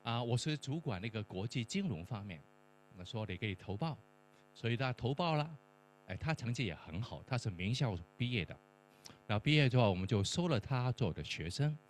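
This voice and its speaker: A man's voice: medium pitch, very animated, fairly quick. A middle-aged man, a professor and church mentor, telling a testimony-style story and acting out the dialogue. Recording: faint mains hum.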